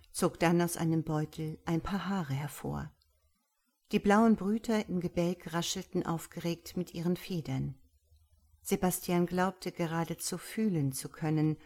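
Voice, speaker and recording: Woman audiobook narrator, slightly low voice, measured storytelling. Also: mellow.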